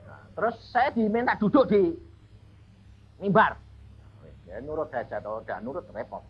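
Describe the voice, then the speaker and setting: A man's voice: a little high, sing-song, moderate pace, slightly rough, highs cut off. A male evangelist with a Javanese accent, preaching a humorous storytelling sermon and speaking straight to the congregation. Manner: humorous, chatty, addresses the congregation as "saudara".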